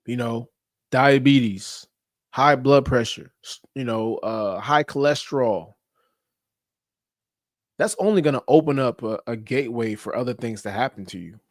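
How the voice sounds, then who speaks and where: A blunt, emphatic man lectures his listeners on getting in shape, swearing casually and dropping slang as he goes. His voice sits at an ordinary mid pitch. The sound is close and dry. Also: a little slow, no echo. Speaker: podcast host. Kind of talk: motivational monologue.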